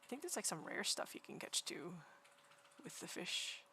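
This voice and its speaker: A woman livestreaming while she draws, chatting casually in a quiet, soft, near-whispered voice and rambling through many restarts. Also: fairly low pitch, big pitch swings, moderate pace, slight background noise. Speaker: livestreaming artist. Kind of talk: casual chat while drawing. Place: home room beside a partner who is gaming.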